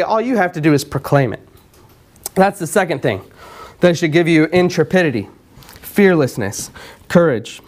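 A man preaching a sermon in a conversational way, often repeating words and clearing his throat. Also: high voice. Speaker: pastor.

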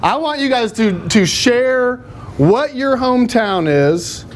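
A man's voice: very high-pitched, lively intonation, slow pace, background noise. A man teaching a church class in a casual, joking, rambling way. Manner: joking, rambling, self-deprecating.

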